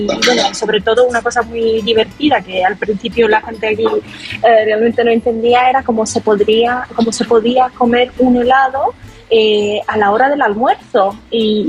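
Italian-accented woman with a bright lilt. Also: fairly high pitch, low-quality recording. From Sicily, Italy. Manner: friendly, many restarts and fillers. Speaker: guest, ice cream shop owner. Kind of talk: radio interview.

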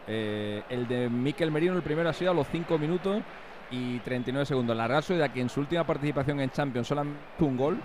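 A male sports radio contributor talks casually through match stats in a medium-pitched voice. He repeats words haltingly, with clear ambient noise around him. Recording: noisy outdoor stadium ambience.

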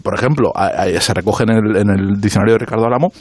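A man's voice: on the low side, fast talker, breathy edge, dry recording. A man talking as a panelist in a casual radio discussion, building his argument with emphatic rises. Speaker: author, panelist.

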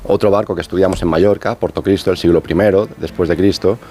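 Low-voiced male expert guest, radio interview, steady explainer. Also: husky. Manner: measured, patient explaining with pauses. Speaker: underwater archaeologist, interview guest.

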